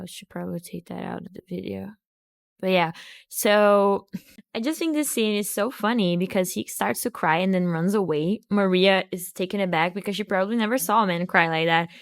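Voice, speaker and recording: A woman's voice: mid-range voice, smooth, no echo, studio quality. A woman hosting a video, giving a casual recap of a film and book with joking asides and restarts. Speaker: video host.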